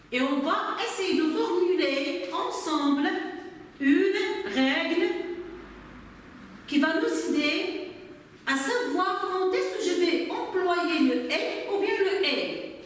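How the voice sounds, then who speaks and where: Woman teacher slowly sounding out words, high voice, lots of echo from far away. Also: expressive. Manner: slow, deliberate, clapping out syllables. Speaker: primary school teacher. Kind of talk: classroom spelling lesson. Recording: very echoey room from far off.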